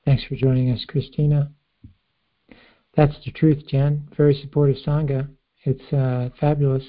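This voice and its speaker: A man co-hosts a call-in radio show, giving brief announcements in a very flat tone. His voice sounds thin and phone-like. The lines come out short and even. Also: mid-range voice, moderate pace. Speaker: co-host taking calls.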